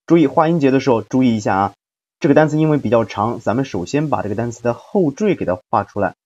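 A man teaching an English phonics lesson, explaining step by step and slowly sounding out each syllable. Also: medium pitch, animated, darkish tone, dull audio.

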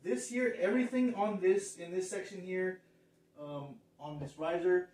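A man's voice: sits high, unhurried, darkish tone. Rambling man in an echoey room. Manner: rambling, restarts phrases, points out details. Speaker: thrift reseller showing a haul. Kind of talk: casual show-and-tell. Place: living room, indoors. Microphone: far camera. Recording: echoey room, far from mic.

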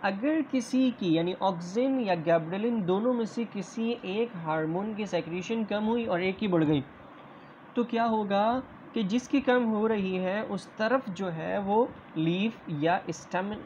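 Mellow-voiced male biology teacher lecturing. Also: high voice, normal speed. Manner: explains step by step with frequent rhetorical check-in questions; mixes English science terms into Hindi speech. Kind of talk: online classroom lecture. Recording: dull lo-fi online lecture recording with faint background noise.

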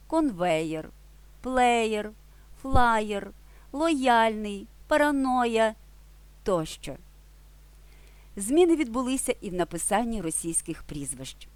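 Female teacher for a spelling lesson; animated, expressive pitch, careful and measured. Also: no room sound. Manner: clear, deliberate dictation of example words. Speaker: language teacher.

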